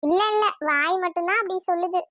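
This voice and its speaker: A woman voicing a cheeky young bride in an animated family series, teasing her new husband in a sing-song way. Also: extremely high pitch, quick pace, no echo.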